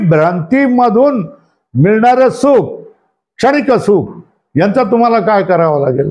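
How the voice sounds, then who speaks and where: High-voiced man teaching, quizzing listeners. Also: a little mellow. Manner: asks the listeners questions again and again. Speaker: spiritual teacher. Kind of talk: religious discourse.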